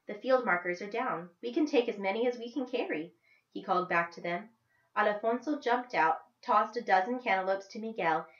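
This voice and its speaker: A woman teacher reading a novel aloud to her class and pausing to explain it in a conversational way, with fillers. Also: mid-range voice, fairly bright tone, reverberant, muffled recording.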